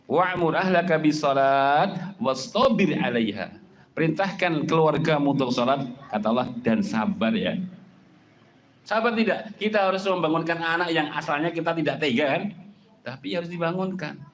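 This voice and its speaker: A man preaching an Islamic sermon in a conversational way, often dropping in "ya" and pushing his voice higher and louder to stress a point. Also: expressive, brisk, a little hiss or hum. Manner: conversational, frequent filler "ya", voice jumps high and loud when stressing a point.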